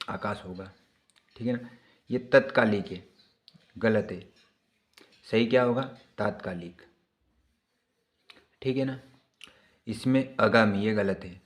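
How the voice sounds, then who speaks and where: Man, grammar teacher, online exam-prep lesson, patient explanations, repeats points, mid-pitched voice. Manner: explanatory, repeats key points with frequent tag questions.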